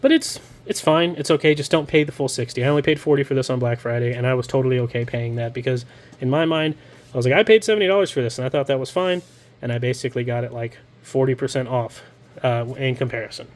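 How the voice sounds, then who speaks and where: A man's voice: mid-range voice, steady tone, fast, a little mellow. A man with a nasal voice from being sick, giving a chatty, casual video game review with many ums and uhs.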